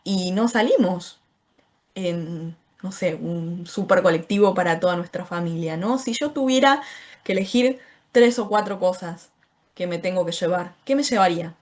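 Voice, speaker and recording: A woman's voice: lowish voice, normal speed, a little mellow. A woman with an Argentine Spanish accent teaching an online course, explaining step by step and checking in with the class as she goes. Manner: explanatory, often asks "¿sí?" to check in.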